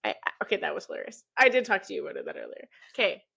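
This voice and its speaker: Easygoing young woman with a gravelly voice. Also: lowish voice, sing-song, rapid-fire, bright, forceful tone. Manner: easygoing, with frequent "mm-hmm" and "sure" backchannels. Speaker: podcast co-host. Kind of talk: casual chat.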